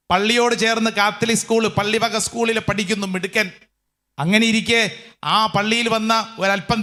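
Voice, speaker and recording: A man preaching a retreat sermon as a priest, calling out for responses and telling stories slowly and with emphasis. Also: high-pitched, bright, forceful tone. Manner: call-and-response exhortation; slow, emphatic storytelling.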